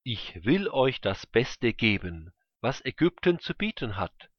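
A man's voice: mid-range voice, very animated, a little slow, no room sound. A man reading a generous commanding pharaoh. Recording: dull lo-fi recording.

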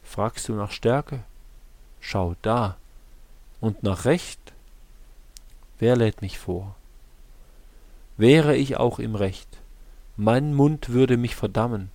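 A man reading scripture aloud in a slow, measured, solemn way. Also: mid-range voice, darkish tone, dry recording. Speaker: scripture reader.

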